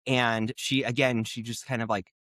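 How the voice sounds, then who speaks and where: A man's voice: normal speed, dry recording, studio quality. A man from Nebraska co-hosting a podcast, telling funny family stories in a casual, giggly way. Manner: animated, giggly storyteller who jumps high when excited. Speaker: podcast co-host. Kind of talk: casual storytelling chat.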